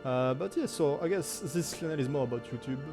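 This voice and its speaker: This gaming YouTuber from France, a man in his twenties, has a strong French accent and a mid-range, briskly paced voice with lively intonation, heard over music. He's marking his channel's anniversary in a casual talk to camera, rambling along with lots of fillers and correcting himself.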